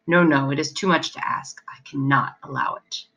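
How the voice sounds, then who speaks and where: A gentle old king frets in a genteel, fussy way, as a woman reading a storybook voices him. The tone stays bright and lowish, close to the reader's own. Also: normal speed, creaky, full character voice, rough recording.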